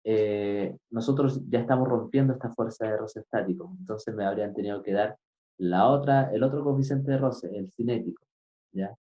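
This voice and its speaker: A man teaching physics, explaining a problem step by step and often pausing to ask his students if they follow. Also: lowish voice. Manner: keeps asking "right?" to check understanding; patient, step-by-step. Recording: dull lo-fi recording.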